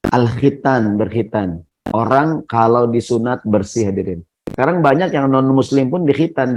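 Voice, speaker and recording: Guy preaching at a mosque, chatty and animated, keeps asking the crowd ya or no, mid pitch. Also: poor audio. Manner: conversational, keeps asking the audience "ya nggak?"; often addresses listeners as "hadirin". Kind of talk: mosque sermon. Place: mosque hall.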